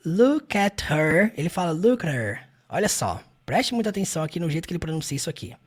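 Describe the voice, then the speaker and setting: Brief: Brazilian English teacher, swoops up and down, drawn-out model phrases. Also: medium pitch. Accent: Brazilian Portuguese. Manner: animated, repeats phrases slowly, many tag questions. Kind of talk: language lesson explaining film clips.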